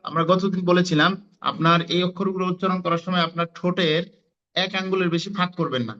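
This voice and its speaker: A man teaches Quran pronunciation, pausing on fillers and sounding out letters again and again. His voice sits a little high and rings bright and forceful. The audio is dull and lo-fi. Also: steady tone. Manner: repeats letter sounds for students to copy, many fillers. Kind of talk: online Quran pronunciation class.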